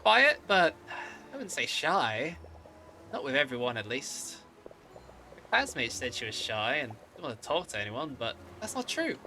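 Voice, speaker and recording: Man reading as an earnest, bright-voiced middle-aged woman. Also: mid-range voice, wildly swooping pitch, a little slow, a little hiss or hum, voice pushed up, exaggerated voice. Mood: earnest, defensive. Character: earnest woman of fifty recalling her lost best friend. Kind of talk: reading game dialogue aloud in character.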